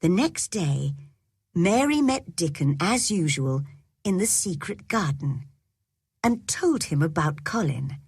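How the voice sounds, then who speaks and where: Slow, lively woman reading a storybook. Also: fairly low pitch, dry recording, clean studio sound. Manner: clear, measured reading. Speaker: audiobook reader. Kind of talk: slow storybook narration for learners.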